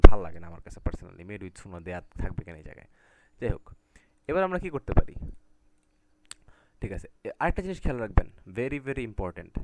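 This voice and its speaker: Over a video call, a man with a lowish voice runs a live online class in a casual way, and the audio is very noisy. He often checks on his students, asking "ঠিক আছে?" again and again.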